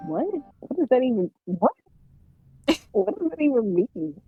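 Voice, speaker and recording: A woman co-host reacting to the story with animated remarks and lots of laughter. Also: fairly high pitch, unhurried, phone-quality sound, faint music behind.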